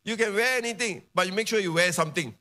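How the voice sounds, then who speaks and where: A man preaching a charismatic sermon to his congregation, building to emphatic shouts and dropping into chatty asides. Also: high voice, quick pace, slight background noise. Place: church service.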